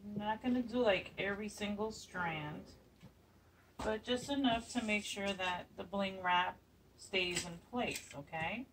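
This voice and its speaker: A chatty, upbeat woman in her forties runs a DIY craft tutorial from her home kitchen, filling her casual talk with plenty of fillers. Her mid-range voice moves a little slowly. The phone camera recording her sits a few feet away, so the mic sounds distant and picks up background noise.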